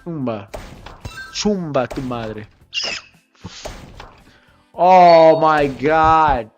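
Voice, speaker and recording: A male streamer mutters and repeats phrases while reacting to a game in casual livestream commentary, his slightly high voice expressive and drawing out words. Loud music plays behind him, and the sound is lo-fi.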